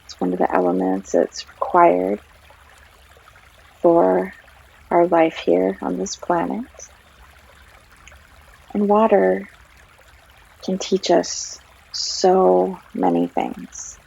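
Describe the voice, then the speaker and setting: Speaking as a yoga guide, a woman leads a guided meditation in a breathy, creaky, lowish voice with a sing-song lilt. She is gentle and unhurried, leaving long pauses between phrases in her soothing narration. The sound is slightly dull, and a stream trickles in the background.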